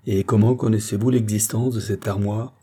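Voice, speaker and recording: A man voicing a composed, honest male minister who questions in a measured way. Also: lowish voice, steady tone, dark tone, husky. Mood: questioning.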